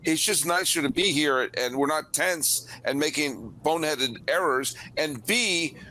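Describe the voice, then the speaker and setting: A man hosting a podcast panel, rambling and excitable, with a voice that is going hoarse. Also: fairly high pitch, unhurried, poor audio. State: losing his voice. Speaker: podcast host.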